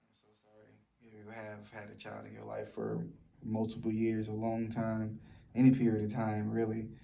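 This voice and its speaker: A soft-spoken man talks low in a personal vlog, halting often and circling back with fillers. His voice sits low, with a gravelly edge. It stays very flat and dark throughout. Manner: speaks softly and low; halting, with many fillers and restarts. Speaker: vlogger. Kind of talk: personal vlog, sharing a story of loss.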